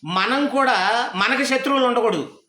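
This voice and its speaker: A male preacher with a high, bright voice delivers his sermon in an echoey worship hall. He keeps throwing rhetorical questions at the congregation. The sound is roomy, with plenty of hall reflection. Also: moderate pace. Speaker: pastor.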